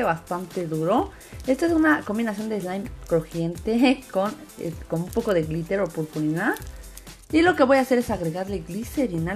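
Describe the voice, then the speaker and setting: A woman of average pitch narrates a hands-on craft tutorial step by step. She talks casually and doubles up words for emphasis. Soft music runs behind her voice. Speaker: host of a slime craft channel. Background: background music.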